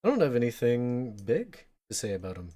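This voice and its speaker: A man's voice: mid-range voice, huge pitch swings, fairly quick, dark tone. A man co-hosting a podcast, chatting casually about a film in a loose, rambling way with many fillers. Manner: loose and rambling, frequent fillers, bursts of laughter. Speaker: podcast co-host.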